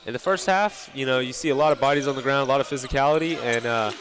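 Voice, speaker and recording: Young male color commentator, rapid chatty delivery, casual analysis, noisy gym ambience behind him. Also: mid-range voice. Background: gym crowd and bouncing basketballs.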